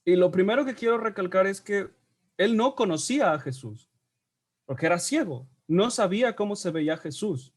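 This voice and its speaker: A man leads a Bible study class in a conversational way, often checking in with his listeners through tag questions. His voice sits high, and he speaks animatedly at a moderate pace.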